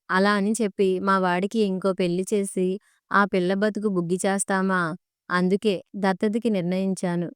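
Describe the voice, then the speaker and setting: Stern bossy older mother-in-law, read by a woman, super smooth voice, dry close sound. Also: medium pitch, a little mellow, dry recording, lightly acted.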